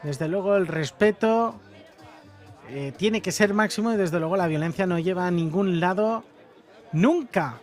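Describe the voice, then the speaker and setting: A male sports commentator with a high-pitched voice follows a beach soccer match play by play. Music is heard behind his live commentary. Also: measured pace.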